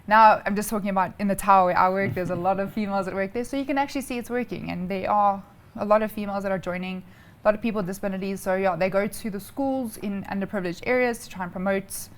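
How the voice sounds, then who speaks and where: Speaking quickly at medium pitch, a South African woman guesting on an interview describes her work as an air traffic controller. She's informal and chatty, walking through each point step by step.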